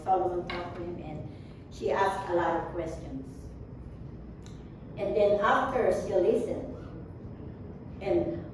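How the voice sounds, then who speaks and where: A woman preaching a sermon, talking slowly with many fillers and restarts, heard from a distance in an echoey room. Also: mid-range voice. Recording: distant echoey room with faint background noise.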